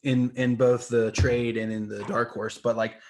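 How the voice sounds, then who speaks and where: A man's voice: medium pitch, level tone, normal speed, a little mellow. A man co-hosting a comic book podcast, talking casually and acting out the panels with sound effects. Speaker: podcast co-host.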